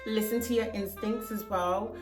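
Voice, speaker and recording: A woman's voice: medium pitch, fairly even intonation, moderate pace, over loud music. A young woman vlogging to camera, earnestly sharing heartfelt advice with casual fillers. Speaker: hair vlogger. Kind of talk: casual talking-to-camera vlog.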